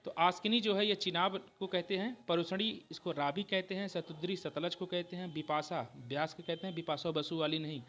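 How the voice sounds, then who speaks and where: Guy teaching history for exams, high bright voice, keeps saying "okay" to check in. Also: fairly even intonation. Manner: repeats "ठीक है" often, explains slowly with restarts. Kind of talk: exam-prep history lecture.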